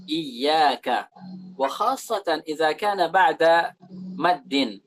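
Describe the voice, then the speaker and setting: A man's voice: fairly high pitch, lively intonation, a bit bright, rough recording. Indonesian man teaching Quran recitation. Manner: reads Arabic lines then explains them slowly, with many fillers. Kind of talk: tajwid lesson explaining an Arabic text.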